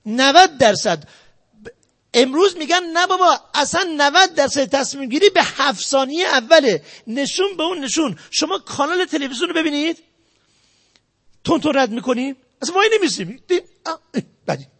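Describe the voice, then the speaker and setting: A man giving a sales lecture, emphatic and repetitive, jumping between loud stresses and quiet asides. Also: very high voice, animated. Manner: emphatic, repetitive, talks straight to the audience. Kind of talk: motivational lecture.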